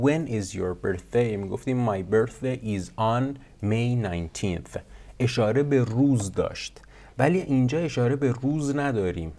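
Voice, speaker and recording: A man, a Persian speaker, teaching English in a casual lesson. He explains quickly in his own language and says the English example sentences slowly and carefully. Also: mid-range voice, a little mellow.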